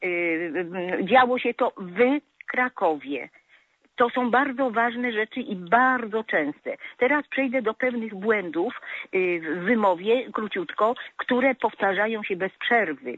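A woman speaks down a telephone line, thin and tinny, with a dry close sound. She calls in to a radio show, pausing often with filler sounds as she corrects how people speak. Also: mid-range voice, expressive, no echo. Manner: hesitant, many filler sounds, prescriptive. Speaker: radio caller. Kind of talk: call-in talk about correct speech.

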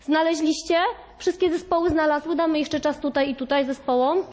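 A woman teacher with a high voice runs a classroom lesson. She talks straight to her pupils and sets them tasks. Her voice rings out with a long echo in the room. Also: fairly even intonation, brisk, a little mellow. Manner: instructive, addressing pupils directly. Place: school classroom.

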